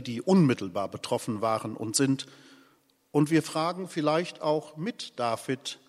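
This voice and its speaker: A man preaching a sermon as pastor, solemn and deliberate, his loudness rising and falling. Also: on the high side. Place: church. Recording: long church reverb.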